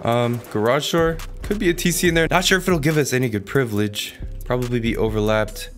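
Man doing casual gameplay commentary, slightly low voice. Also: fairly quick, faint music behind. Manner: informal, exclamatory slang to viewers. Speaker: gaming video creator narrating his play.

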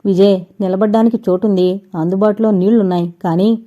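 A woman's voice: mid-range voice, steady tone, brisk, warm tone, muffled recording, close to an everyday voice. A woman voicing a playful young man who jokes with his friends during an expedition. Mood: teasing.

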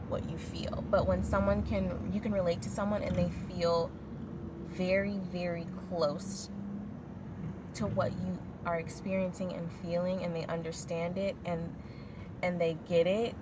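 A young woman in a casual, candid car rant, talking reflectively while she drives in traffic, filmed on a dashboard camera. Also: fairly low pitch. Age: young adult. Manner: reflective, candid, talks with her hands while driving. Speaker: vlogger. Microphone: camera mounted on the dashboard. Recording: loud car and road noise.

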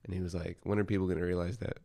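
Racing along in a low, warm voice with flat delivery, this young man co-hosts a podcast. He rambles and swears casually in the chat, often trailing off before finishing a thought.

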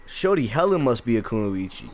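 A man's voice: mid-range voice, very animated, fairly quick. Slangy swearing male streamer. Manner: slangy, swears a lot, chats with viewers. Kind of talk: casual gameplay commentary.

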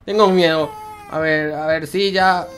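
A man's voice: on the high side, fairly even intonation, unhurried, a bit bright. A young man commenting on a horror game, jokey and acting scared, using plenty of slang. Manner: jittery, jokey, feigning fright, slangy. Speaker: gaming YouTuber. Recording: game music behind.

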